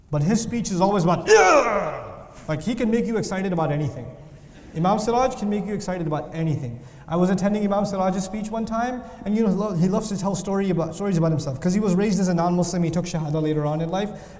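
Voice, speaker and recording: A man giving a lively Islamic lesson, telling stories with acted-out voices, recorded in a reverberant lecture hall. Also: high voice. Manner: animated storytelling with voices and jokes. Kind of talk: lively religious talk. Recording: reverberant hall with faint noise.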